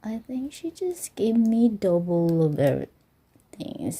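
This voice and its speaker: Slow, gravelly-voiced woman gushing over little things. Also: mid-range voice. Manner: excited, gushing, often drops to whispers. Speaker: vlogger. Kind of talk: casual unboxing vlog. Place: home, bedroom at night.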